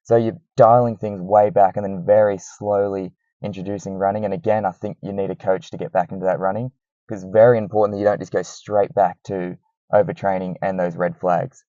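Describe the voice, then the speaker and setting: A man's voice: sits low, flat delivery, a little fast, warm tone, dry recording. Man on a cheap, dull-sounding mic. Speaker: running coach hosting a talk. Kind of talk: casual advice talk to listeners. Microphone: cheap microphone, close and dry.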